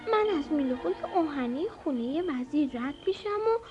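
A woman's voice: high voice, animated, pitched above the performer's own voice. A woman voicing a tiny, clever, thumb-sized boy in a storybook, bold and cheeky. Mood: sly. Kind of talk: storybook character voice. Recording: dull lo-fi audio with music.

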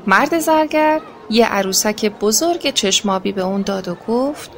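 A woman narrating a children's story in a gentle, expressive reading voice. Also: medium pitch, some chatter behind. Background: faint music.

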